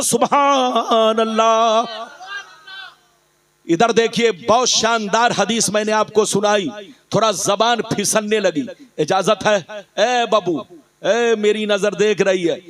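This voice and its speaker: A man with a strikingly high-pitched voice preaches to a crowd from a conference stage, speaking into a stage microphone. He keeps exhorting the listeners to shout responses back. Now and then he slips into a lilting, chanted recitation of scripture. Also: takes it slowly. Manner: chants Arabic hadith in a sing-song recitation. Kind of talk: fiery sermon to a live crowd.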